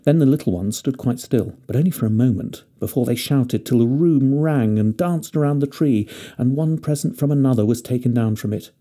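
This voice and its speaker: A man reads a classic fairy tale aloud, gentle and expressive. His voice is dark and mellow, sitting at an ordinary middle pitch. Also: a little fast. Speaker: narrator.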